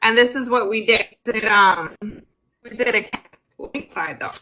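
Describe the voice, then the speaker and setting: A woman's voice: on the high side, normal speed, sharp tone, a little hiss or hum, poor audio. A woman guest chatting enthusiastically on a phone video call, laughing often. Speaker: guest artist. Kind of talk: casual video-call chat. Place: moving from indoors to outdoors.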